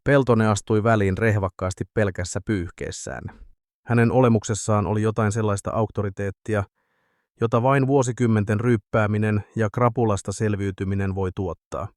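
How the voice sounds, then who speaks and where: A man narrating an audiobook in a steady, deadpan way. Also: on the low side, no room sound, studio quality.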